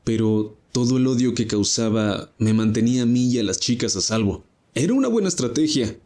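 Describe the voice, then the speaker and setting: A man voicing a calm, scheming young male camper who talks matter-of-factly in a confessional monologue. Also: mid-range voice, a little fast, natural voice. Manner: matter-of-fact, calculating.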